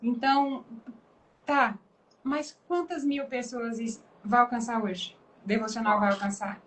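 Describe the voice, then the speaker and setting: A woman's voice: on the high side, unhurried, low-quality recording. A woman pastor with a Brazilian Portuguese accent, giving an emphatic testimony and preaching in a live conversation. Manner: emphatic, dramatic testimony with lively quoted voices. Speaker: pastor and guest.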